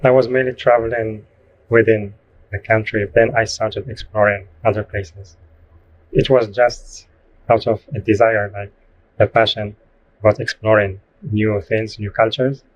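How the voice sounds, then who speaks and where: A man's voice: fairly low pitch, flat delivery, unhurried. A man from Morocco, a guest spiritual guide, speaking in a thoughtful interview and now and then searching for his words. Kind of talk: casual interview talk. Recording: dull, lo-fi remote audio with faint noise.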